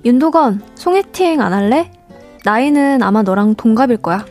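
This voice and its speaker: A woman voicing a bossy older sister-figure who sets up blind dates, brisk and knowing. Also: fairly high pitch, expressive, darkish tone, faint music behind. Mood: cheerful.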